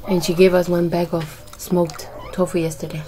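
A woman's voice: on the low side, flat delivery, normal speed, mellow, a little hiss or hum. A woman in her thirties hosting a mukbang, chatting casually and naming each dish as she shows it. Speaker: host of a food channel. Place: sunny room with large windows, indoors. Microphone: table mic in front of the couple. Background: music in the background.

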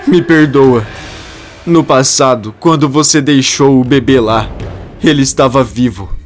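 A remorseful older man, crying and begging forgiveness, as a male narrator voices him in a mid-pitched voice that stays close to his own. Faint music plays behind the reading. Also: natural voice.

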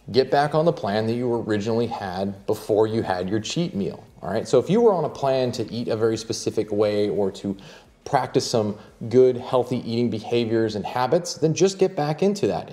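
A young man coaching viewers through fitness advice in a casual vlog. His voice sits a little low and has a mellow, relaxed tone. He keeps it encouraging and keeps checking in with "all right?" between points.

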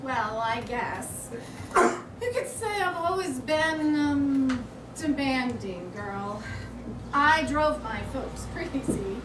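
A woman's voice: high-pitched, expressive, slow pace. A woman acting an imperious, demanding and flirtatious wealthy art patron in a staged play reading, heard in a theatre. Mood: teasing, flirtatious. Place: small stage in a club theatre before an audience. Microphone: distant audience camera. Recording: noisy, echoey theatre recording from far off.

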